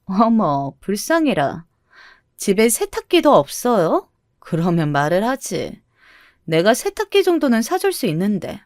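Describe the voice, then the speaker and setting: A woman voicing a snobbish sister-in-law near forty who talks down to others in a slow, mocking drawl. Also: medium pitch, expressive, darkish tone, no room sound, clean studio sound, natural voice. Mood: sneering. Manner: mocking, condescending, drawn-out.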